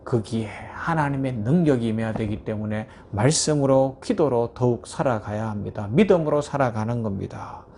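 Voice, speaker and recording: A male pastor giving a morning devotional sermon, preaching with lively rhetorical questions to his listeners. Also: medium pitch, moderate pace, hardly any pauses, a little hiss or hum.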